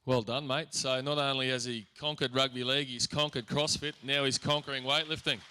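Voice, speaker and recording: A man's voice: medium pitch, steady tone, a little fast, bright, forceful tone, smooth. An Australian man hosting a school sports awards night in a hall, chatting with guests in a chummy way. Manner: chummy, keeps saying "mate". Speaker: master of ceremonies.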